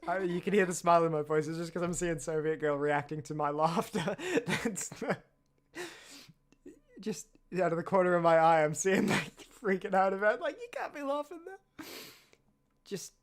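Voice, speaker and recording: A young man streaming a game, chatting casually with lively tangents and frequent laughter. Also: fairly high pitch, normal speed. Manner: animated, laughs often, chatty asides. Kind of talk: casual let's-play commentary.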